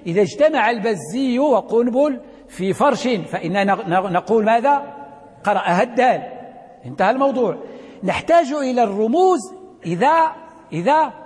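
A man's voice: extremely high pitch, lively intonation, brisk, a little mellow, husky, big-room sound. A man teaching a class, asking students questions and repeating the key points. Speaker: teacher of Quran readings. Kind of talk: classroom lecture. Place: classroom with a blackboard.

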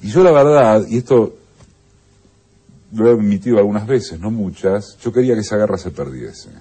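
A man's voice: lowish voice, lively intonation, moderate pace, dark tone, breathy edge. A man, speaking earnestly and reflectively in an interview. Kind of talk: archival interview.

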